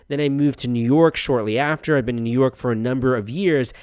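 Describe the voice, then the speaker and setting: A man's voice: mid-range voice, a little fast, a little mellow, smooth, dry recording. A young American man hosting a podcast, talking in a friendly, chatty way with frequent restarts. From United States. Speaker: podcast host. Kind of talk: casual podcast monologue.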